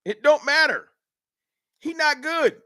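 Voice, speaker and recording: A man's voice: very high voice, takes it slowly, dry recording, clean studio sound. A man from Dallas, hosting a live sports fan stream and arguing heatedly with his chat. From Dallas, Texas. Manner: animated, argumentative, heated ranting. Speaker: sports fan livestream host.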